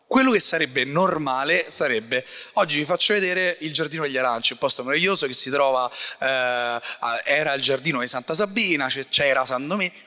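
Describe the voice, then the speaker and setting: A man's voice: on the high side, brisk, hardly any pauses, pushed and bright. A man speaking on a live comedy podcast, ranting in mock indignation, in a reverberant church hall.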